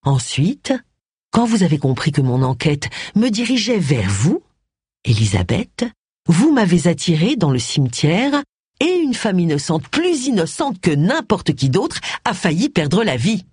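A woman's voice: lowish voice, big pitch swings, a little slow, breathy edge, no echo, heavily acted. Reader doing a blunt middle-aged lady detective, storybook style, accusing, dry close sound. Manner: accusing, forceful.

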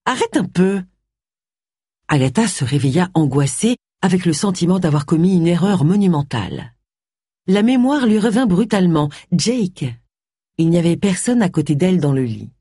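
An expressive narrator reads a mystery novel for an audiobook at a moderate pace, his pitch roaming freely across each sentence. The tone is slightly breathy, and the sound is dry and close, with no room or echo behind it.

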